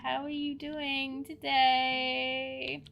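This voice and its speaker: A woman's voice: high voice, flat delivery, very slow, creaky, fairly bright tone, slight background noise, heavily acted. Woman voicing an earnest young doctor.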